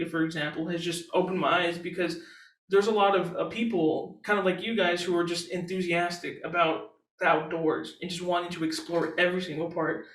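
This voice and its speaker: A man's voice: high voice, fairly bright tone, distant mic. A young man hosting a college radio interview, telling rambling stories full of fillers. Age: young adult. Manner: rambling, chatty storytelling with fillers. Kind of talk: casual interview chat. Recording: echoey room, a bit off mic, faint hiss.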